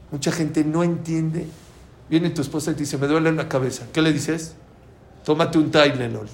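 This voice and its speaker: A man teaching a Talmud class to a live audience, lively and quizzing listeners with questions. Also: medium pitch, slight background noise. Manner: animated, asks the audience questions. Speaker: Torah teacher. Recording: roomy room with faint ambience.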